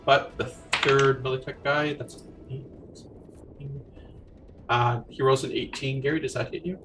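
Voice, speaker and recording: A man's voice: medium pitch, fairly even intonation, a little slow, recorded from a distance, very noisy. Casual man running a tabletop game. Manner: casual, rambling narration with fillers. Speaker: game master.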